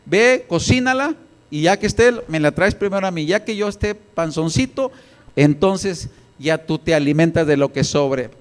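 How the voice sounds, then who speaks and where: A man voicing a greedy, demanding prophet who gives slow orders. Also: on the high side, lightly acted. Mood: bossy.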